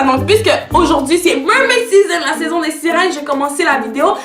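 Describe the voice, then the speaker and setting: A young woman of nineteen speaks with a Québécois French accent. She chats casually to camera and drifts between French and English. Her voice sits high, and it echoes in the room over steady background music. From Canada. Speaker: YouTuber.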